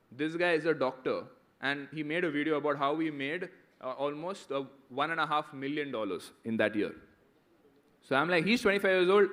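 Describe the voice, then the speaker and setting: Chatty Indian man, slightly high voice. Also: fairly bright tone. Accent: Indian English. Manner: conversational, keeps asking "right?". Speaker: guest speaker answering students. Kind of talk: motivational talk and Q&A.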